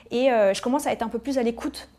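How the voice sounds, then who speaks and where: A Parisian woman in her 30s, a tobacco cessation specialist, candidly tells her own life story on a personal storytelling podcast, using lots of fillers. Her voice sits on the high side, warm in tone, and she talks fast.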